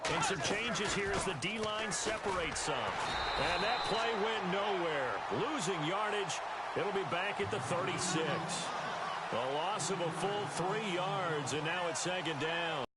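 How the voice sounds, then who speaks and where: A man's voice: high voice, measured pace. A man calling football play-by-play in clipped, descriptive phrases. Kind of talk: sports commentary. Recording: loud stadium noise behind the voice.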